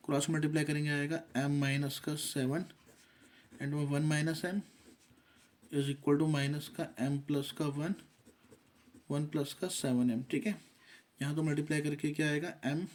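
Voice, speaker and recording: A man's voice: fairly high pitch, darkish tone. A man teaching a math lesson, working through steps methodically and mixing English terms into his explanation.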